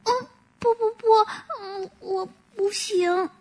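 A woman's voice: very high voice, expressive, measured pace, voice pushed up. A woman voicing a timid young fawn that stammers and is close to tears. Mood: tearful, timid. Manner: hesitant, stammering, on the verge of tears.

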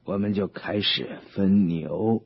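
A man voices a grave, patient old father in a radio play. He speaks slowly in a low, very husky voice, and the old recording sounds dull. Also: exaggerated voice. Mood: gentle. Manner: slow, gentle, grave. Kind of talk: radio drama.

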